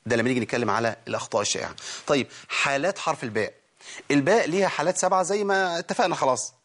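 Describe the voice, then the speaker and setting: A man's voice: medium pitch, a bit bright. A man with an Egyptian accent teaching a recitation lesson, asking his own questions and answering them, then sounding out letters for learners to repeat. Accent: Egyptian Arabic. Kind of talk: spoken Tajweed lesson.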